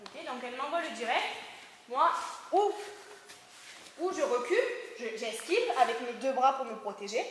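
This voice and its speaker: A woman's voice: sits high, expressive, moderate pace, pauses often. A woman teaching self-defense in a live class, walking through each step of a demonstration in a reverberant hall. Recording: reverberant hall, faint noise.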